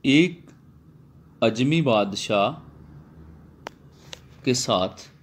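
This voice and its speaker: A Persian lecturer with a medium-pitched voice speaks very slowly yet animatedly as he reads a Persian text phrase by phrase. After each one he explains it again in simple words, in a line-by-line lesson.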